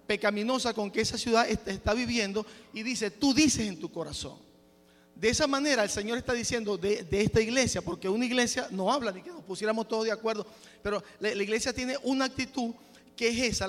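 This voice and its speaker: A man's voice: sits high, a bit bright, in a large hall. A man preaching a sermon to his congregation, often breaking in with praise to God and stumbling over words as he explains. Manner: restarts and stumbles while exhorting; frequent praise interjections. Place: church.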